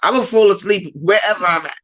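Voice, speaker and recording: On a relaxed podcast, a comedian guest from Trinidad speaks quickly in a mid-range voice, her heavy Trinidadian accent touched by New York. She's blunt and emphatic and keeps hammering the same points. There's no echo, but the highs are cut off.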